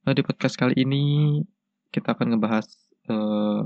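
A young man with a cold and a stuffy, congested nose, hosting a casual solo podcast in a hesitant, halting way. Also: mid-range voice, fairly even intonation, no echo. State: has a cold with a blocked nose. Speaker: podcast host. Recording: dull lo-fi, dry sound.

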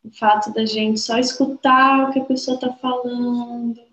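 A woman's voice: a little high, level tone, measured pace, a bit bright. A woman co-hosting a podcast, talking reflectively in casual chat. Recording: roomy, slightly dull sound.

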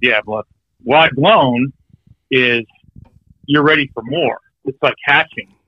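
A man's voice: medium pitch, takes it slowly, husky, no room sound, highs cut off. A man calling in to a casual chat, confidently explaining slang to the others. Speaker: guest caller.

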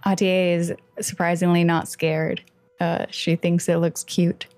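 A woman's voice: on the low side, little pitch movement, measured pace, darkish tone, no room sound. A woman playing in a tabletop game, describing her character's actions in a casual, easygoing way. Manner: casual, laughing easily. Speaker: player.

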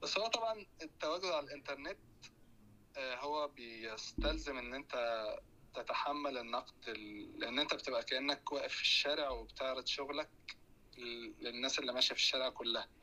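A man's voice: medium pitch, quick pace, pushed and bright, poor audio. A man with an Egyptian accent hosting a casual audio chat, explaining his views easily and asking questions over a phone mic. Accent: Egyptian Arabic. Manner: easygoing, explaining, asks questions. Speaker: host.

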